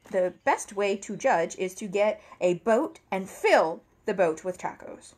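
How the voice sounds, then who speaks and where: A woman in her thirties reading a children's picture book aloud at home, expressively, with theatrical emphasis and deliberate phrasing. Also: mid-range voice. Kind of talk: animated read-aloud to children. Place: indoor room at home, seated at a table.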